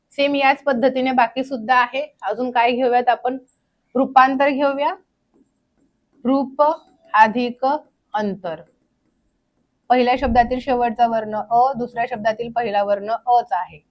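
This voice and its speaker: Young female teacher, a bit high-pitched, runs a repetitive grammar drill. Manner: questions the class and answers herself; drills slowly, repeating terms. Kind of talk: grammar lecture.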